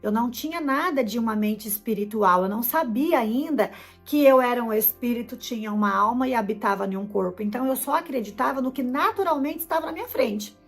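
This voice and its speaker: A Brazilian woman with a Brazilian Portuguese accent, middle-aged, her voice pitched a little high, tells her faith story with feeling and slips into her own past words as she goes. Soft music plays faintly behind her. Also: lively intonation, brisk. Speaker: host giving a personal testimony. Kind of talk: emotional personal testimony.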